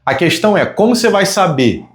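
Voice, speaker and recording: A Brazilian man and communication consultant giving a conversational teaching monologue to camera, asking many rhetorical questions and slowing down on key words. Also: high-pitched, big pitch swings. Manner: self-described fast talker.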